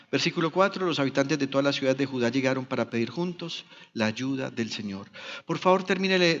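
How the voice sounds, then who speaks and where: A man's voice: on the high side, fairly bright tone, long reverb tail, highs cut off. A Colombian man, a pastor, preaching a sermon in a church, telling biblical stories with dramatic shifts of voice. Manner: dramatic storytelling, acting out biblical dialogue.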